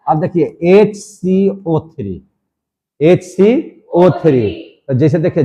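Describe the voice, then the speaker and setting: A man's voice: on the high side, a little mellow, lo-fi sound. A male chemistry teacher lecturing a classroom, repeating each question and drilling the answer emphatically.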